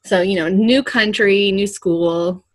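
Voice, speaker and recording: A young woman chatting on a podcast, with a medium-pitched voice and a dry, close sound. She rambles through stories with plenty of fillers and laughs often. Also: slow pace, no echo. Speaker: podcast co-host. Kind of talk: casual chat.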